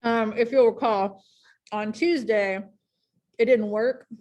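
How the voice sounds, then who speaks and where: A woman teaching a high school English class in a casual, chatty way, full of ums and likes, speaking in a classroom. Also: fairly even intonation, slow, darkish tone. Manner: chatty, many fillers like um and like.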